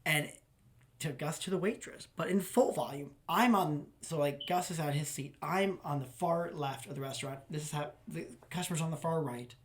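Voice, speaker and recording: A man hosting a casual chat, rambling and restarting his sentences. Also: fairly high pitch. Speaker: host.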